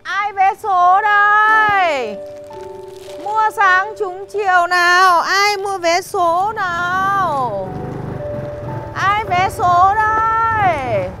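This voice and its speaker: A woman's voice: very high-pitched, extremely slow, full character voice. An actress playing a poor elderly woman who sells lottery tickets, pleading and tearful, in a melodramatic web drama. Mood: hawking. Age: older. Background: loud music.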